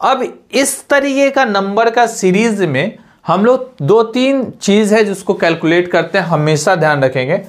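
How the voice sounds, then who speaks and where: A man giving an exam-prep math lesson, explaining step by step and mixing English terms into his talk. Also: high-pitched. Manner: explains step by step, asks and answers his own questions. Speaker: teacher.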